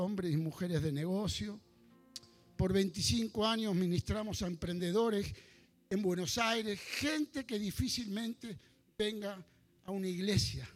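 His voice sits high: a pastor from Argentina, in his sixties, speaking with an Argentine Spanish accent. He delivers a sermon and guides the congregation through call-and-response prayer, fervent and rising to shouts.

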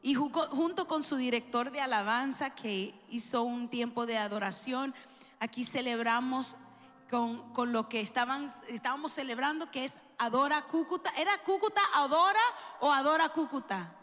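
A middle-aged woman from New York, a worship singer, giving her testimony to a church audience, engaging and warm, often questioning the crowd. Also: sits high, normal speed. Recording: echoey hall with soft music.

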